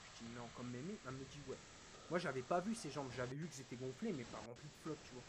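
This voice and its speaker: A male streamer recounting a personal loss in halting, emotional storytelling, his voice dropping to a hush and then rising again. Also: medium pitch. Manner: halting, quotes dialogue, swings between hushed and raised. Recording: hissy background noise.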